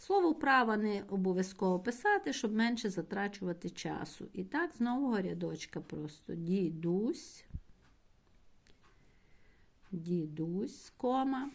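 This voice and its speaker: A woman teacher giving a patient primary school language lesson, explaining slowly and spelling out words syllable by syllable for her pupils. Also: mid-range voice, sing-song, creaky. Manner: slow, patient explaining, addressing pupils directly.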